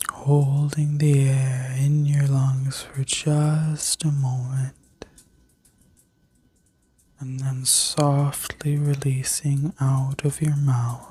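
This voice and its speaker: Casting: woman for whispered ASMR sleep-story narration and guided healing meditation; breathy, soft and dark in tone, even and soothing. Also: rumbling low, slight background noise. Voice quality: breathy, mostly unvoiced whisper. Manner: soothing, slow, gently instructing. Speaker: ASMR reiki healer and video host.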